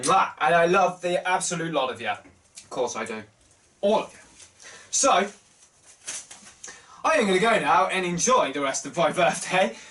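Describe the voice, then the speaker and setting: A man in his thirties hosting a casual wrestling news show to camera, upbeat and chatty, with big jumps in pitch for emphasis. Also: fairly bright tone. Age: 30s. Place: small wood-panelled room full of wrestling posters. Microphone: webcam close up, then wide desk camera.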